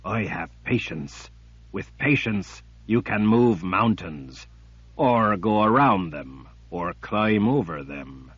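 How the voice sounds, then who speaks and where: A man voicing a cruel, patient male emperor villain who speaks in a cold, deliberate, menacing way. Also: lowish voice, expressive, fairly bright tone, breathy edge, no echo, full character voice. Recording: dull lo-fi recording.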